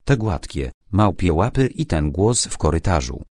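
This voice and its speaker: A man reading a crime novel audiobook in a measured, dramatic storytelling manner. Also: low-pitched, very animated, a little mellow, no echo, studio quality. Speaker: audiobook narrator. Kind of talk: scripted crime novel narration.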